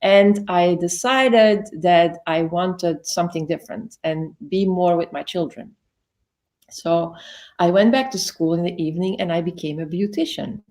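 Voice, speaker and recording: Speaking a little slowly in a fairly low, darkish voice, this woman from Belgium recounts her life as a guest on an interview. She's in her fifties, talkative, often self-correcting, and leans heavily on "like."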